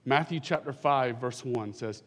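Pastor preaching into a pulpit mic. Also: male voice, medium pitch, a little slow, fairly bright tone, in a large hall. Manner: fervent, building to emphatic declarations. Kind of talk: prayer and sermon. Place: church sanctuary.

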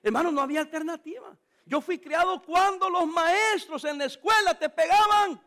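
Brief: middle-aged pastor, playful preacher, unusually high voice for a man. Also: moderate pace, pushed and bright. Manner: jokey, storytelling preacher, playful. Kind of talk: sermon.

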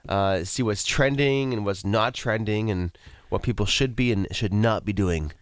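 A man with a hoarse morning voice, hosting a casual radio show in the studio and rambling with many fillers. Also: fairly low pitch, normal speed, dry recording. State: hoarse voice after a concert. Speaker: radio show host and real estate broker. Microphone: studio microphone.

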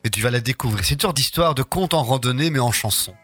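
A man with a slightly husky voice, chatting as a radio host in a friendly, conversational way. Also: medium pitch, animated, fast talker, a bit bright. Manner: chatty, echoes guests' answers back. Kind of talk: friendly radio chat introducing a guest.

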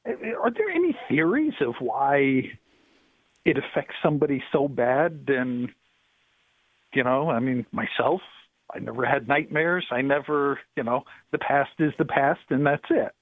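A man calling in to a radio talk show over the phone, speaking haltingly and searching for his words. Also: mid-range voice, expressive, no room sound. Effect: heard over the phone. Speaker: caller. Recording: tinny phone line.

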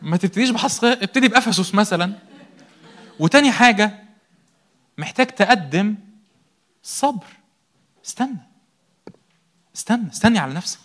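A man's voice: sits high, expressive, fairly quick, pauses often, a bit bright. A young man with an Egyptian Arabic accent preaching a sermon, asking rhetorical questions, answering them himself and repeating key words for emphasis.

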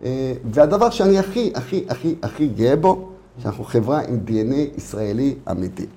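A man's voice: mid-range voice, expressive, dark tone. A middle-aged man with an Israeli accent, speaking informally and repeating himself as he tells his story in an interview. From Israel, immigrated from Latvia at age four. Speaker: interview guest, startup founder. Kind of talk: casual conversational interview.

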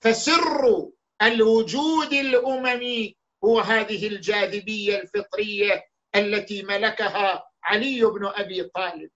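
Bright-voiced emphatic male preacher. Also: high-pitched, steady tone, highs cut off. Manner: emphatic, declamatory, with slow stressed words and raised outbursts. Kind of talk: sermon.

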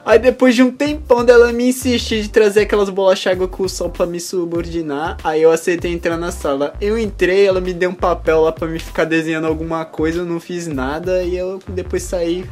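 A man in casual chat, relaxed, chuckling as he tells a school memory. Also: high voice, brisk, few pauses, soft background music.

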